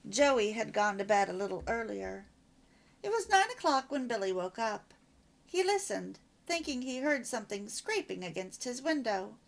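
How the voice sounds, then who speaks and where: Woman reading a kids storybook out loud, animated, gravelly, kinda high. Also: normal speed. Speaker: storybook reader.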